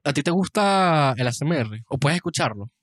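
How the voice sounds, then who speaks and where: A young Venezuelan man co-hosting a casual podcast, telling stories with lively acted-out quotes and frequent laughter. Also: on the high side, brisk, no echo, clean studio sound. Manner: animated storyteller, laughs often, acts out quotes. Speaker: podcast co-host. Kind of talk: casual chat.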